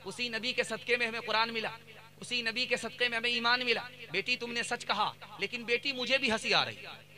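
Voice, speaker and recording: A man voicing a gentle mother who gives earnest, repeated advice to her married daughter. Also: very high voice, fairly quick, faint music behind, full character voice. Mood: tender counsel. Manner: earnest, repetitive counsel.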